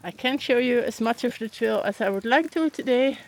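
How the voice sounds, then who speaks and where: A woman's voice: on the high side, fairly quick, a little hiss or hum, rough recording. Chatty woman vlogging on a hike. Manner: chatty, frequent "uh" fillers, self-deprecating. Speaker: hiking vlogger. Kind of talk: casual vlog narration while hiking. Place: outdoors on a mountain trail in rain.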